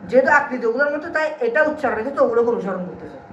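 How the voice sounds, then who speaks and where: A man's voice: very high voice, very animated, racing, a bit bright. A male teacher leads a lesson, constantly checking whether his students follow. He sounds set back from the mic in a roomy classroom. The recording is dull, with a faint hiss underneath. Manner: keeps quizzing students, call-and-response drilling. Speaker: Urdu grammar teacher. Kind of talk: classroom lecture. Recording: roomy, distant, dull and slightly noisy.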